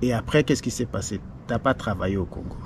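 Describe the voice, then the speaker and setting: A man's voice: lowish voice, quick pace, a little hiss or hum. A man interviewing a guest, speaking with frequent hesitations and fillers. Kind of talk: casual interview.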